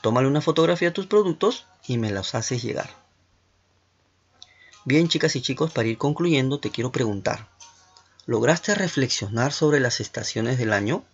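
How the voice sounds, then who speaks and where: A man's voice: mid-range voice, expressive, normal speed, breathy edge. A man teaching an online class to schoolchildren, talking them through questions in an encouraging way. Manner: encouraging, asks many questions with tag "¿no?". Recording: dull lo-fi recording with faint music.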